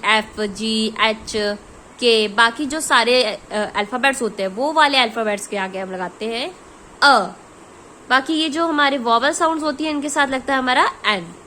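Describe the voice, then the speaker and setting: Indian lady teacher going over grammar real slow, higher voice, faint hum behind her. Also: bright, forceful tone, poor audio. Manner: slow, careful explaining, mixing Hindi and English. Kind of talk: grammar lesson for children.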